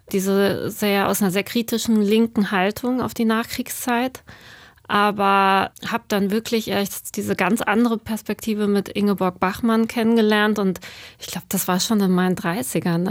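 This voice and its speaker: A woman in her thirties from Germany speaks as an interview guest, weighing her words with frequent pauses and fillers. Her voice sits in the middle range, and the recording is dry and close with no room sound. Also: mid-range voice, dry recording. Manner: thoughtful, searching for words with many fillers. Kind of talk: reflective interview answers.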